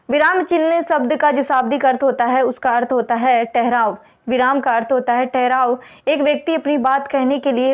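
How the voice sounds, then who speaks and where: A woman teaching an exam prep lesson, explaining step by step and repeating the key points. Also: high-pitched. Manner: reads examples slowly.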